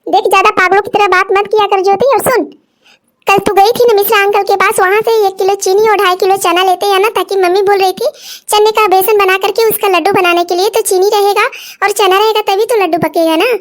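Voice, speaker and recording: A woman's voice: very high voice, fairly even intonation, brisk. A woman voicing a bossy, lecturing elder sister in a cartoon story. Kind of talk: cartoon voice acting.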